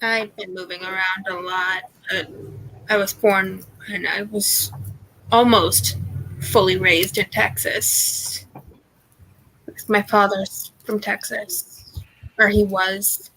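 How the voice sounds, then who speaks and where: A woman cosplayer chatting in character on a livestream in a slow, offhand way. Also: medium pitch, flat delivery, sharp tone, low-quality recording. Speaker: cosplayer answering questions in character.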